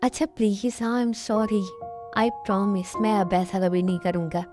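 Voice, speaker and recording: A woman's voice: medium pitch, unhurried, music in the background, natural voice. A woman voicing a remorseful young husband who keeps pleading and apologizing in a fan-dubbed drama. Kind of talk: Hindi fan dub drama.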